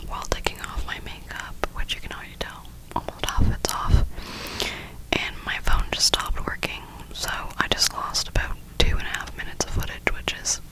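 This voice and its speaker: A young woman whispers throughout in a breathy, voiceless tone. She rambles through casual ASMR chat in slangy, informal phrasing, as if thinking aloud. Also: poor audio. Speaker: ASMR creator.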